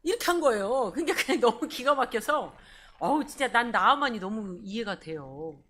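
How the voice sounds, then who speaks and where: Animated high-voiced woman pastor preaching. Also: moderate pace. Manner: animated, asks the congregation questions. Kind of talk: sermon. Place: church service.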